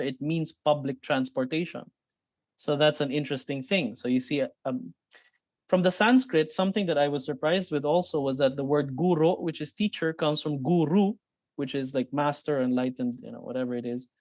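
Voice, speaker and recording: A Filipino man from the Philippines, a psychologist appearing as a guest, answers interview questions in an explanatory way with a Filipino accent. He mixes in Tagalog terms and restarts many times. His voice is a little high and a little mellow, with no room sound.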